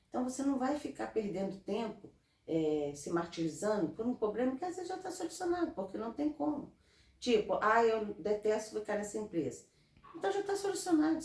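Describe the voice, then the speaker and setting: A woman's voice: mid-range voice, warm tone. Earnest Brazilian woman giving advice. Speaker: interview guest. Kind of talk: casual interview talk. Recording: roomy, from a distance off mic.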